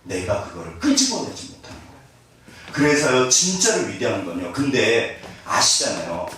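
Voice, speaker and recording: A man's voice: fairly low pitch, very animated, moderate pace, a bit bright, slight background noise. A middle-aged man preaching a sermon as pastor, humorous and self-deprecating, often laughing. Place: church sanctuary. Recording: roomy echo, voice from a distance.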